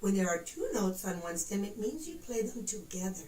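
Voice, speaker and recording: A woman gives a piano lesson, explaining, demonstrating and counting notes with patient encouragement. Her mid-range voice swings widely in pitch, moves fairly quickly and sounds a little mellow. The recording is roomy, with a distant mic, room echo and faint piano in the background.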